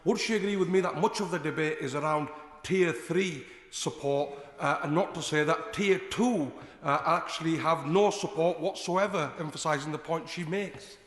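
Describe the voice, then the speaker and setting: A man's voice: on the high side, normal speed, a bit bright. A man who is a member of parliament, making a courteous, somewhat hesitant intervention in a debate. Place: large indoor parliamentary chamber. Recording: echoey large chamber.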